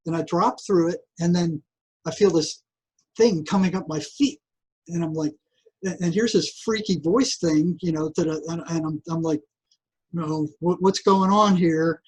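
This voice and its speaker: A man's voice: a little high, normal speed, husky, rough recording. An older man, a guest psychotherapist, telling a long story in a casual interview with frequent restarts. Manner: animated, repetitive restarts, acts out voices.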